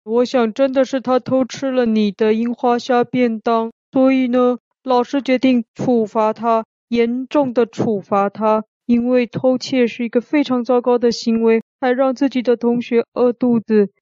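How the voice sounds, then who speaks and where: A woman voicing a patient schoolteacher who speaks in a gentle, measured way. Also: on the high side, level tone, dry recording, muffled recording, lightly acted. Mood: calm.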